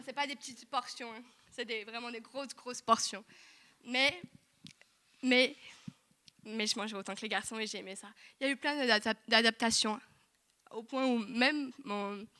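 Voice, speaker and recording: Lively young woman giving church testimony. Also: on the high side. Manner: lively, chatty, with frequent asides. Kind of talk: sermon testimony. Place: church hall.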